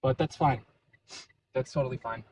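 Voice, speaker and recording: A man's voice: medium pitch, fairly even intonation, normal speed, a little mellow, breathy edge. A man talking casually and a little hesitantly to his vlog audience, in a conversational solo style. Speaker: running vlogger.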